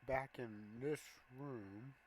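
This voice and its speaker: A man hosting a gameplay walkthrough, calmly explaining each button press step by step. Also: mid-range voice, a little hiss or hum, poor audio. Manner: slow, plain step-by-step explaining of controls. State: has the hiccups. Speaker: gameplay video host.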